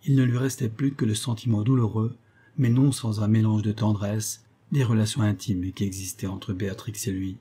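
A man narrating a literary audiobook in a measured, expressive reading. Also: fairly low pitch, slightly rough. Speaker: audiobook reader.

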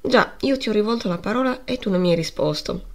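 A woman's voice: mid-range voice, expressive, quick pace, lightly acted. A woman reading the part of a severe male schoolteacher questioning his pupils, in a stern tone.

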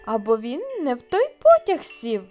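A woman's voice: on the high side, wildly swooping pitch, moderate pace, darkish tone, soft background music. A woman voicing a good-natured, hungry male bear in a children's story. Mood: kindly. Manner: sighing, kindly.

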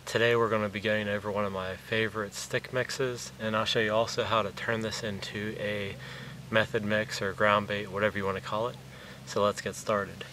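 Standing on a lakeshore, a male fishing vlogger in his thirties casually demonstrates a bait recipe one step at a time, talking plainly with fillers. His pitch is fairly low and his tone level, bright, and forceful, at a normal speed. Wind noise runs through the distant audio from a camera mic a few meters away.

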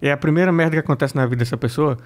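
Brazilian man, comedian guest, rapid-fire and foul-mouthed, lively storytelling. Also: a little high. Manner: blunt, profane, animated storytelling. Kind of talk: casual interview chat.

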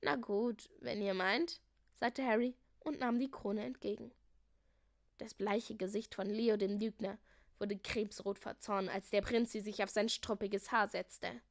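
A woman's voice: mid-range voice, fairly even intonation, measured pace. A woman reading a children's story aloud, narrating steadily and expressively. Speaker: reader.

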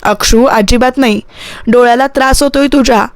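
A woman's voice: on the high side, steady tone, normal speed, no room sound, close to an everyday voice. Woman narrator reading a firm, protective young husband, close and dry. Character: young husband, stern but caring.

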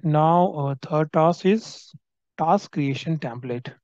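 A man teaches a software tutorial over a screen recording, moving at an unhurried pace with a mellow, fairly high voice. He explains each setting step by step and often tags his points with "right?". The sound is dry and a little dull, as from a basic computer mic. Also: dry recording. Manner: explanatory, frequent tag "right?". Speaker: software trainer.

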